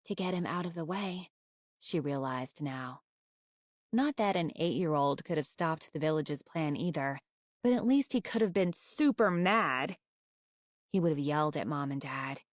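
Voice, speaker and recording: A woman reading a children's novel aloud with expressive, wry storytelling. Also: low-pitched, measured pace, no room sound, studio quality.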